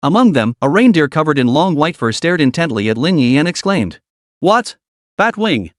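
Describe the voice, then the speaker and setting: A male narrator giving a scripted recap of a fantasy comic. His voice sits slightly high and swings lively in pitch. The room sound is dry and close. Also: a little fast, no room sound.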